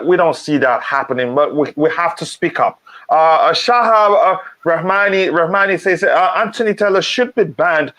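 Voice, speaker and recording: A man's voice: high voice, a bit bright. Talkative Nigerian-raised man hosting a live stream. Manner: talkative, many ums and restarts, reads chat comments. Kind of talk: casual live-stream football chat.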